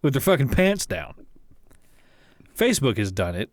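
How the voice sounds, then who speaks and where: Profane joking man, lively pitch. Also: normal speed, dry recording, studio quality. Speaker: podcast co-host. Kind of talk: casual chat.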